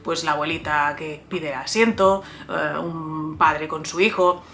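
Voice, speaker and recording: A woman's voice: deep voice, steady tone, unhurried, pushed and bright, slight background noise. A woman hosting a casual video lesson on writing, talking straight to the viewer with frequent fillers and restarts. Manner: chatty, addresses viewer directly, frequent "eh" and restarts. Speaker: writer and writing coach, channel host.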